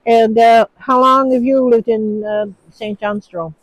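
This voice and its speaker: A woman from Newfoundland, Canada, with a Newfoundland English accent, chats casually into her phone outdoors as snow falls, answering viewers' questions in a rambling, hesitant way. Her voice sits on the high side, with fairly even intonation and a slightly slow pace. The recording is low-quality, with no room sound.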